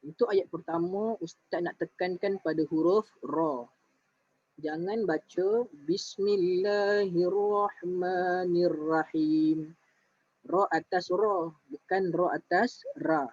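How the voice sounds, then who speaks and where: Patient Malaysian ustaz, slow and dry. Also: male voice, high-pitched, steady tone, a little mellow, no echo, muffled recording. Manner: patient, recites verses very slowly and drawn out. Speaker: Quran recitation teacher. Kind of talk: online tajwid lesson.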